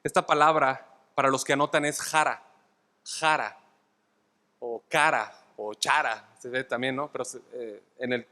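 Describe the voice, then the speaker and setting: A man with a Mexican accent preaches an expository sermon in a church. He speaks in a fairly high voice, repeats his key points and keeps asking the congregation for agreement. His words trail off into the long reverb of the hall. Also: bright, forceful tone. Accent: Mexican Spanish. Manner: asks the congregation "¿sí?" often, emphatic and repetitive. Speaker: pastor. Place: church sanctuary.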